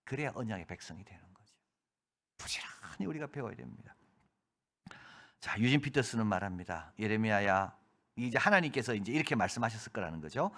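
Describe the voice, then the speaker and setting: A man's voice: fairly low pitch, very animated, a little fast, pauses often, fairly bright tone. A middle-aged man preaching a sermon as a pastor, acting out quoted voices and sometimes dropping to a whisper for emphasis.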